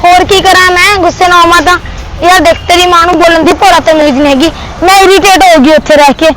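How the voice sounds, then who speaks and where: A woman's voice: very high voice, fairly even intonation, over a noisy crowd, poor audio. An actress playing an angry young woman with a Punjabi accent, confronting her boyfriend outdoors by a street in a short film. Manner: sharp, confrontational, fast retorts. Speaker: girlfriend.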